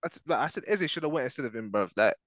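Animated London roadman, slangy and emphatic. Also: medium pitch, very fast, no echo. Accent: London, urban street style. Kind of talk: heated casual football debate.

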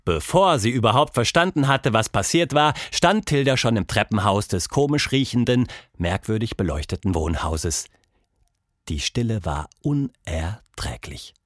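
A man reading a children's storybook aloud, with expressive, unhurried narration on a close studio mic. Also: on the low side, no room sound. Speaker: storybook reader.

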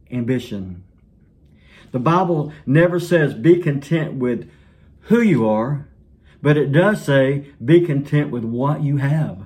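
Earnest preacher man. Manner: earnest, dropping to a soft low voice at line ends. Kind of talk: sermon.

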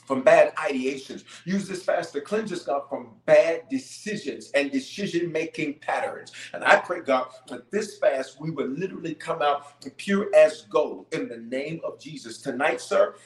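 A man's voice: fairly high pitch, normal speed. A man, a bishop leading fervent spontaneous prayer, repeating phrases emphatically and rallying his listeners in a preacher's cadence. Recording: echoey, reverberant room sound.

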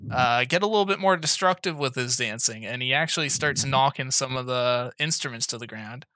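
Woman GM, loose chatty narration, frequent laughs, bright tone. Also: very deep voice, fairly quick, dry recording, clean studio sound. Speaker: game master. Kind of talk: narrating a tabletop game.

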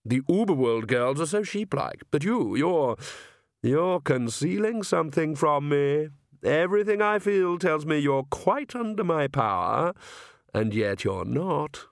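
A smug, aristocratic young vampire, put on by a male narrator drawls every word with lazy disdain. The voice sits a touch higher than the reader's own and is recorded dry and close. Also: expressive, measured pace, vocal fry, no echo. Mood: disdainful.

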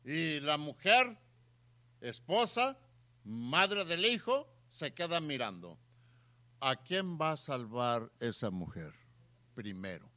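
A man's voice: fairly high pitch, big pitch swings, slow, pauses often, pushed and bright. A man preaching a sermon, putting questions to his listeners and repeating his points for emphasis.

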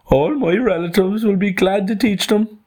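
A man's voice: high voice, normal speed, darkish tone, voice pushed up. A man voicing an insistent male kangaroo, speaking with emphasis. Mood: emphatic.

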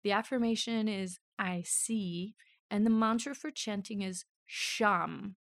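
A woman's voice: mid-range voice, slow, fairly bright tone, dry recording, clean studio sound. A woman co-hosting a casual podcast, reading out notes with joking asides and bursts of giggles. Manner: giggly, self-mocking, reads lists with asides. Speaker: podcast co-host.

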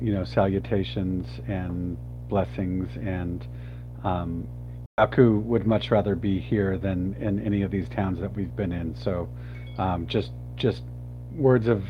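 A man's voice: on the low side, muffled recording. A man playing a tabletop game, talking hesitantly with many fillers. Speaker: player.

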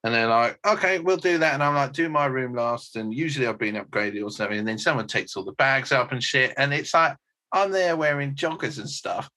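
A man's voice: mid-range voice, a little fast, bright, forceful tone. A man co-hosting a podcast, chatting casually and swearing with a laugh. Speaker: podcast co-host, tour manager. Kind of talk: casual chat.

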